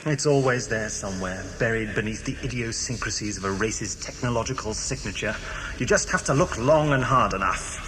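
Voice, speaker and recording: An actor playing an eccentric, inquisitive time-travelling alien in an audio drama, musing aloud in a theatrical, questioning manner. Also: male voice, lowish voice, a little fast, pushed and bright, a little hiss or hum.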